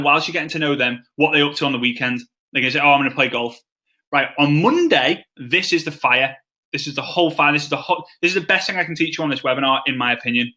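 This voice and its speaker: Bright-voiced Scouse man teaching a webinar. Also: fairly high pitch. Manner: energetic, repeats and restarts, acts out both sides of sample chats. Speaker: webinar host.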